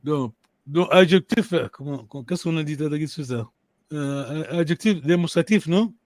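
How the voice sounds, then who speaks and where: A man's voice: a little high, moderate pace, a little mellow, dry recording. A man teaching a language class, hesitant, restarting his sentences and often checking that students follow. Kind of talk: online language lesson.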